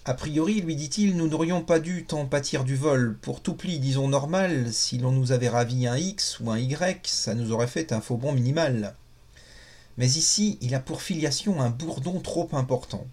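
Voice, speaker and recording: A man's voice: medium pitch, normal speed, darkish tone, lightly acted. A man voicing an anxious male police commander in a detective story, speaking formally.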